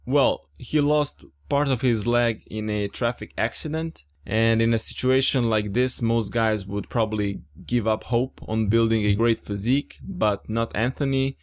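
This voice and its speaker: Young man, podcast host, enthusiastic, informal, mid-pitched. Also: steady tone, measured pace, hardly any pauses. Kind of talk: casual podcast chat.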